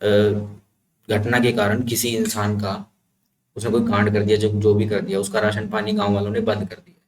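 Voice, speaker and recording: A man's voice: on the low side, animated, normal speed. Male teacher explaining words in an echoey room. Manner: explains step by step, often adds "ठीक है" to check understanding. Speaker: vocabulary teacher. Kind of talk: explanatory lesson with mnemonics. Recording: echoey room, faint ambient noise.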